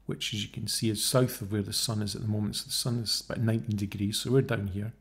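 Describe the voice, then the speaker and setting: A man's voice: on the low side, fairly even intonation, fast talker, vocal fry. A man narrating his own screen-share video, working through figures and mocking the idea he debunks. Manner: scornful, mocking asides, thinking aloud. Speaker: video creator debunking a theory. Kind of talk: casual screen-share commentary.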